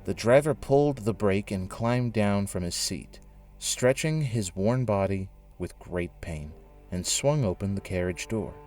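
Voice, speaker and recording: A male narrator with a low-pitched, slightly mellow voice tells a scripted story for an audio drama. His delivery is measured, with music playing beneath it.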